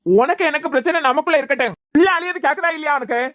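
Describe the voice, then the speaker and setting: A woman voicing a hot-tempered young husband and father in a cartoon serial, scolding loudly with a Kanyakumari Tamil accent. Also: high voice, very fast. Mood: angry. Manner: scolding, raising his voice.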